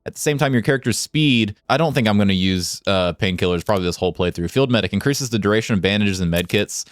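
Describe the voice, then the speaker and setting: A man with a cold, hoarse and nasal, giving chatty, excitable let's play commentary. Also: fairly low pitch, fast, dry recording, studio quality. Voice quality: chatty, excitable, laughs often. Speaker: gaming YouTuber.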